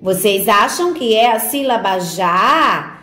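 Slow sing-song Brazilian teacher, echoey room. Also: female voice, medium pitch, expressive, sharp tone. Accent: Brazilian Portuguese, northeastern. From northeastern Brazil. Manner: sing-song, drawing out syllables, coaxing questions to children. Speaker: preschool teacher. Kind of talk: slow, sounded-out remote lesson for small children. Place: home or classroom recording for remote teaching.

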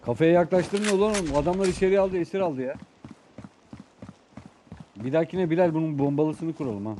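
Excited young man over game gunfire. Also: on the high side, fairly quick, noisy background. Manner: excited, urging and bossing teammates. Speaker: gaming YouTuber. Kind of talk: live game commentary with teammates.

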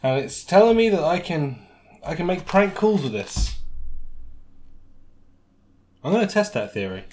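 Indoors in a small home room, a vlogger in his thirties jokes and rambles mock-dramatically while reviewing novelty products on camera. His voice is high-pitched, very animated and darkish in tone, at a measured pace, with a little hiss or hum.

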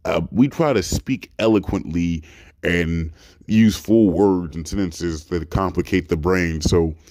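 A reaction host, a young man with a deep, very low voice, speaks directly into his desk mic in a small dark room, and the sound is dry and close. In casual commentary he rambles animatedly and emphatically, swearing freely, at a slightly slow pace.

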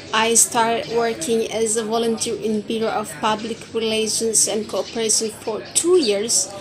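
A job-seeking student in her twenties, a native Indonesian speaker with an Indonesian accent, recites a careful, rehearsed, list-like self-introduction for a video CV. Her voice is a little high, and the recording is low in quality, made on a lapel mic in an open-air wooden pavilion.

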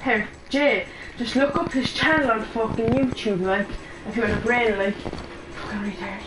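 A woman's voice: a little high, moderate pace. Irish woman, teasing gamer chatter, roomy sound with game music under. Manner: excitable, sweary, teasing. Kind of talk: let's play commentary.

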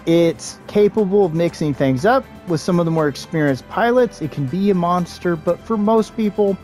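A man hosting his gaming channel, giving relaxed, casual gameplay commentary with joking asides and the odd filler pause. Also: sits high, faint music behind.

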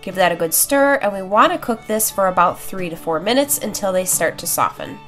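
A woman's voice: mid-range voice, expressive, a little fast, a bit bright. A young woman with a congested, honking nasal voice and sore throat, chattily and playfully hosting a casual recipe tutorial. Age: young adult. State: stuffed nose and sore throat. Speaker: cooking video host. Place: home kitchen, indoors. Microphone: lapel mic. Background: music.

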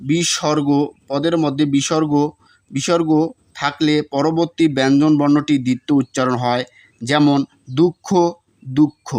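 Male tutor, slightly high register, reads study notes, repeats words for pronunciation. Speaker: teacher. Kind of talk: reading exam notes aloud.

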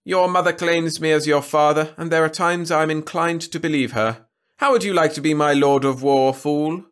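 Narrator playing a haughty alien emperor, lofty, loud, slow and commanding. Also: male voice, a little high, steady tone, clear, resonant tone, voice pushed up, natural voice. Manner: haughty, commanding, drawn-out delivery. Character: pompous, imperious male alien emperor.

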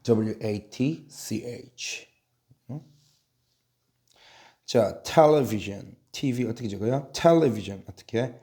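Male teacher, English spelling drill, unhurried, warm low-key voice, spells letters aloud. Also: expressive. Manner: slow, spells letters one by one, asks and answers himself.

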